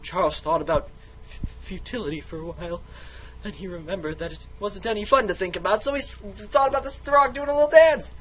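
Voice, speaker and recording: This man's voice is high, a bit bright, and slightly fast as he performs a text game for his audience with music playing behind him. He keeps interrupting his dramatic reading with sung snippets and silly theatrical commentary, and the rough audio carries some hiss or hum.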